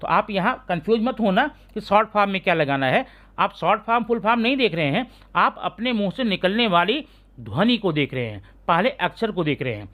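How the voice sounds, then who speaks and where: A man teaching English grammar in a classroom-style lesson, sounding out letters slowly and often asking his students if they follow. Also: high voice, sing-song, a bit bright. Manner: keeps asking students rhetorical check questions.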